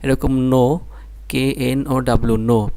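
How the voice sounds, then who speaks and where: A man's voice: medium pitch, steady tone, slow pace, mellow. A man with a Bangladeshi Bengali accent teaching Quran reading, spelling out syllables one by one and repeating them patiently. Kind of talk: slow spelled-out recitation lesson.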